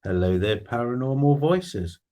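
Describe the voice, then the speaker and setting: A man's voice: mid-range voice, animated, a little slow, mellow. A man hosting a casual evening live stream, greeting viewers by name in a friendly way.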